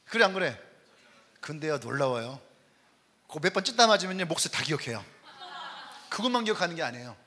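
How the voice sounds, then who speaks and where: A man's voice: fairly high pitch, fairly quick, long pauses, big-room sound, slight background noise. A male pastor preaching a Wednesday sermon, telling army stories and acting out the voices in them. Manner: animated storytelling, acts out quoted voices, laughs often. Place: church sanctuary.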